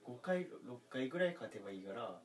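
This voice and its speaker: A man's voice: mid-range voice, very animated, fairly quick, recorded from a distance. A man in his thirties from Aomori with a faint Aomori intonation mixed with Nagoya traces, a comedian rambling through stories in casual podcast chat and laughing often. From Aomori, Japan. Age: 30s. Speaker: comedian co-host.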